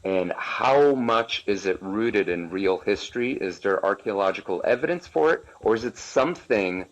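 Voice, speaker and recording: A man from Poland calling into a live stream, asking an earnest, curious question in a halting way. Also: fairly low pitch, expressive. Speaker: caller. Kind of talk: casual chat. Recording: dull lo-fi audio.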